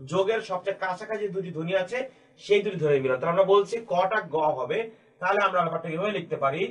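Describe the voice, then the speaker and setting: A man with a Bangladeshi Bengali accent teaching a grammar lesson to students, patiently repeating and slowly spelling out each key point. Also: sits high.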